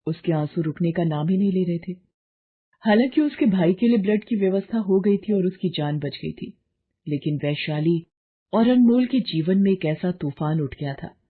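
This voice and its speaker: A woman narrating a bedtime storybook, dramatic and emotive, with a husky voice. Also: lowish voice. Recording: muffled phone-like lo-fi audio.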